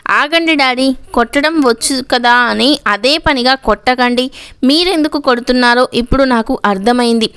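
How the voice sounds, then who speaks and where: A woman's voice: high voice, moderate pace, fairly bright tone, clean tone. Woman reading as a defiant young daughter. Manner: firm, defiant.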